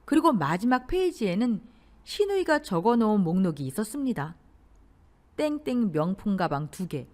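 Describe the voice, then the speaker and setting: A woman narrating a first-person family story in scripted radio-drama style, with expressive delivery. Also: mid-range voice.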